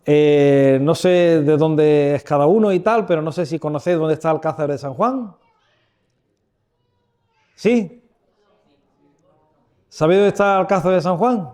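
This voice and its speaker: A man's voice: fairly high pitch, a little mellow. A man in his fifties from Andalusia, preaching an informal sermon into a microphone to a live audience, chatty and humorous, often asking the audience questions. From Andalusia, Spain. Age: 50s. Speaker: preacher leading a church workshop. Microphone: handheld or stand microphone.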